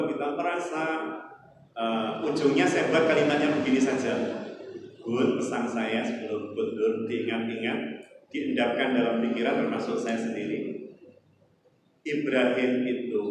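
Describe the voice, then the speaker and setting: A middle-aged man with a Javanese accent, preaching a sermon in a lively storytelling way, with some humor. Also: medium pitch, background noise. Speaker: Islamic preacher. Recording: echoey hall, voice from far off.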